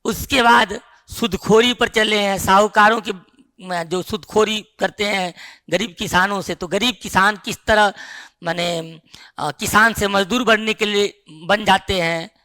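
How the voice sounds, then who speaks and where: एक पुरुष शिक्षक कक्षा में पाठ्यक्रम समझाते हुए, बीच-बीच में छात्रों से सवाल पूछता है।. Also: male voice, high voice, fairly even intonation, a little slow, sharp tone. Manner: explains with rhetorical questions to the class. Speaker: teacher. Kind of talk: classroom lecture on the syllabus.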